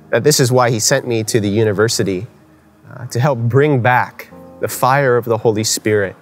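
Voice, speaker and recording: Young guy telling his faith testimony, earnest, chatty, lots of "you know", faint music behind. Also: fairly low pitch. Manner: earnest, conversational storytelling with fillers. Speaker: conference speaker.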